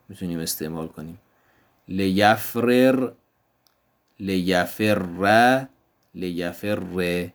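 Deep-voiced man teaching grammar. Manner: slow, deliberate explanation, repeating example words. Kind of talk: Arabic grammar lesson.

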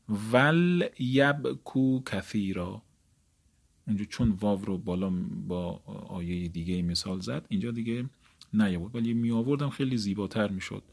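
Low-voiced man teaching grammar step by step. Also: darkish tone. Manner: step-by-step, asks and answers his own questions; reads textbook lines, then explains them in his own words. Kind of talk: explaining a textbook lesson.

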